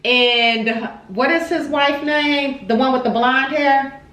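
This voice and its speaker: A woman's voice: high voice, takes it slowly, fairly bright tone. A woman hosting a casual mukbang, chatting expressively and repeating words for emphasis while chewing her food. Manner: chewing and eating while talking. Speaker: vlog host. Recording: roomy, echoey home recording.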